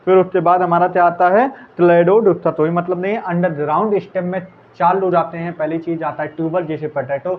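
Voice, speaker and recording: Male teacher, casual revision lecture, slightly high voice, tinny phone-line sound. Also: fairly even intonation, a little fast, few pauses. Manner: casual, repeats answers, calls listeners brother. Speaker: biology teacher. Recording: tinny phone-like audio, faint hiss.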